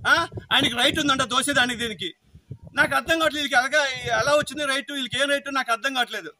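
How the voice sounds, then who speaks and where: A man's voice: very high voice, fast, pushed and bright, slight background noise. A man, angrily complaining to officials outdoors and pleading for action. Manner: agitated, pleading, repetitive. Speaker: local villager complaining.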